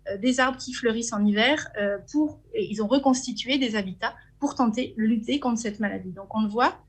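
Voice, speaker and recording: A woman with a French accent gives an academic conference talk from slides, her voice on the high side, husky and brisk. She comes across as hesitant, filling gaps with frequent fillers and restarting her sentences.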